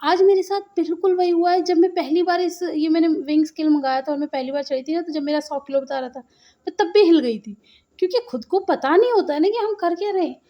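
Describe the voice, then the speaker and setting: A woman's voice: extremely high pitch, quick pace, dull audio. A middle-aged woman from India chatting casually and animatedly to her viewers in a home vlog. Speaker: vlogger. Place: at home, indoors.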